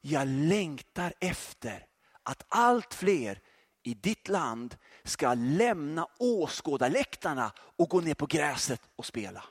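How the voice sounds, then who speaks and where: Gentle Holy Spirit, slow hushed voice, dry sound, put on by a preacher. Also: male voice, fairly high pitch, very animated, husky, dry recording, pitched below the performer's own voice, full character voice. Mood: tender.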